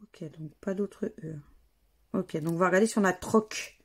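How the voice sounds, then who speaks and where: A woman's voice: on the low side, normal speed, breathy edge. A woman, casually commenting as she scratches lottery tickets and spells out letters and words one by one. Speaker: scratch-card vlogger.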